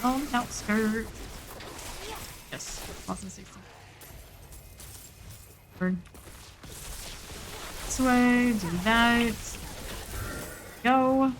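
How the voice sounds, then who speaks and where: Slow-paced woman thinking aloud while gaming. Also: on the high side, music in the background. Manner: muttering clipped fragments, thinking aloud. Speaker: game streamer. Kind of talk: casual live gameplay commentary.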